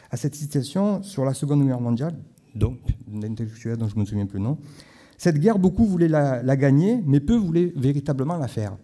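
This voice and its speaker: A man's voice: mid-range voice, warm tone. A man from Marseille with a Marseille accent, giving a conference talk in a conversational way and making frequent asides to the audience. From Marseille, France. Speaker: conference speaker. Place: conference hall.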